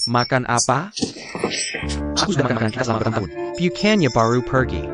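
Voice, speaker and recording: A man's voice: mid-range voice, lively intonation, fast, over music, lightly acted. A man voicing an indignant stubborn grandfather. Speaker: dubbed drama character. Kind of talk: dubbed TV drama acting.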